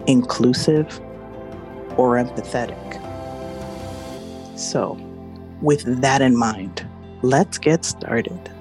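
A woman hosting a podcast interview, reading a measured scripted introduction and then chatting with her guest. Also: very deep voice. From family from Nigeria. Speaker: podcast host.

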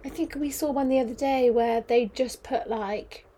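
A woman's voice: fairly high pitch, fairly even intonation, normal speed, warm tone. A young woman hosting her own podcast, chatting casually as an agony aunt, rambling and self-mocking, with the odd swear. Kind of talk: casual solo podcast chat.

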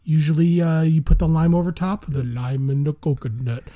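A man co-hosting a casual food-review chat, relaxed and drawn out, saying "man" a lot. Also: on the high side, normal speed. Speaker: podcast co-host.

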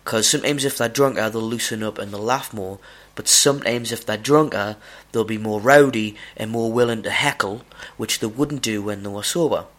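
A man's voice: on the low side, normal speed, fairly bright tone. A man with a broad Scottish accent hosting a podcast solo, rambling casually, with a sweary, self-deprecating manner. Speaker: podcast host.

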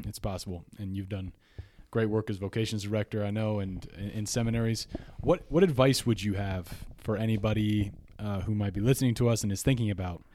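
A man hosting, asking questions in a measured way with occasional uh fillers. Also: lowish voice, fairly even intonation, warm tone. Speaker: podcast host. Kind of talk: interview questions.

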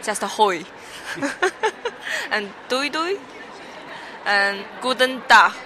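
A woman from China, newly arrived, answering in a halting, cheerful way. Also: fairly high pitch, expressive, bright, forceful tone, a faint crowd, slight background noise.

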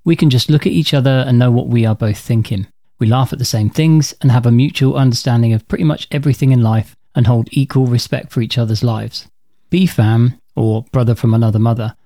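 A man in his forties with a mellow, relaxed timbre, recorded close and dry with no room around him. He hosts his own podcast and reads his stories from a script in a dry, matter-of-fact way, at an ordinary middle pitch. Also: dry recording. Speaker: podcast host. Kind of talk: scripted personal storytelling.

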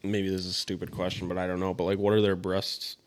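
A man's voice: deep voice, monotone, quick pace. A young adult man guesting on a podcast, chatting casually with a lot of swearing. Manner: casual and profane. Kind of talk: casual chat.

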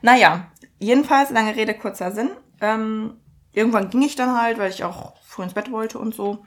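A woman's voice: fairly high pitch, moderate pace. Chatty woman telling a story. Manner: chatty, rambling, with frequent fillers and laughs. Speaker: online fitness and mindset coach. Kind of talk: casual storytelling monologue.

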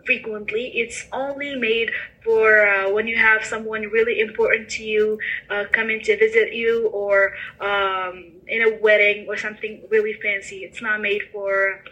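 Bright-voiced woman with a Moroccan accent. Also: mid-range voice, level tone, moderate pace, dull audio. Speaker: international student, podcast guest. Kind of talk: conversational interview answers.

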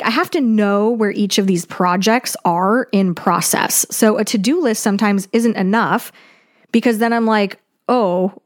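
Upbeat, chatty woman sharing practical tips. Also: medium pitch. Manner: informal, peppered with "like". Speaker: podcast host. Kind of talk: casual solo advice monologue.

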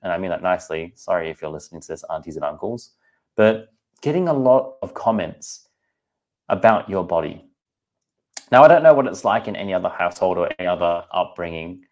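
A low-voiced Australian man in his thirties, a personal trainer, hosts a podcast and talks directly to his listeners in a casual, candid way. His tone is darkish.

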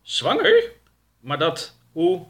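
A man voicing a strange, gentle male creature in a storybook reading, earnest and questioning. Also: high voice, wildly swooping pitch, extremely slow, voice pushed up, exaggerated voice. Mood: shocked.

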